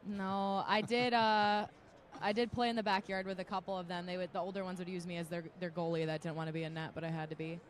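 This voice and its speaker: A young woman with a Minnesota accent chatting loudly and cheerfully as an interviewer on radio row. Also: lowish voice, level tone, quick pace, slight background noise. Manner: chatty, loud and upbeat. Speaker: sideline interviewer. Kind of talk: casual radio-row chat.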